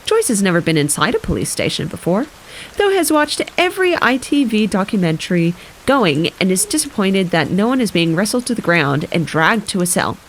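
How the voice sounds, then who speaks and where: A woman's voice: medium pitch, big pitch swings, brisk, slight background noise. A woman streamer reading a novel aloud on a live stream, often slipping and correcting herself. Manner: reads with frequent slips and self-corrections; breaks off to comment casually. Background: soft rain ambience.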